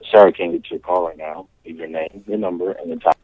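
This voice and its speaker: A man's voice: deep voice, steady tone, quick pace. A man's recorded answering machine greeting, heard over the phone in a plain, businesslike way. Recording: muffled phone line.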